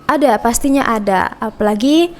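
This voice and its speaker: Brief: young female student guest from Indonesia, higher voice, measured and polite. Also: expressive, slight background noise. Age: young adult. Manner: polite, measured answers with short agreements. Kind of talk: casual podcast interview.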